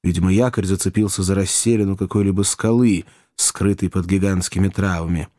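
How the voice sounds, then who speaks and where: A man reading an adventure novel aloud in an even, descriptive storytelling manner. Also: low voice, a little fast, dry recording, studio quality. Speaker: audiobook narrator. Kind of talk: scripted audiobook narration.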